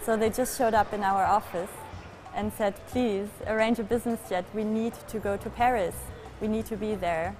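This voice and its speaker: A woman's voice: mid-range voice, steady tone, normal speed, a little mellow, faint music behind. A woman answering interview questions about arranging private jets, chatty and laughing between points. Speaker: private jet handling staff. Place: airport office.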